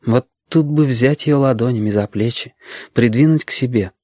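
A man reading an audiobook aloud in a calm, measured storytelling manner. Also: mid-range voice, no room sound, studio quality. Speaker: audiobook narrator.

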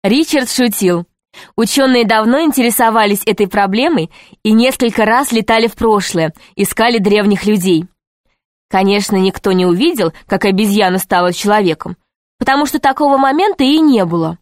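A woman narrating a children's adventure story in an even, steady storytelling voice. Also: medium pitch, moderate pace, no room sound, clean studio sound. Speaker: audiobook narrator. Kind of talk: scripted narration.

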